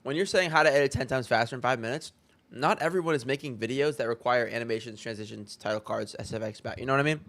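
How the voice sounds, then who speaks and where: A man's voice: mid-range voice, quick pace, fairly bright tone. A young man streaming live, chatting loosely and reacting to a video while talking to his viewers. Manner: chatty, loose, swears casually. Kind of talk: casual live-stream commentary.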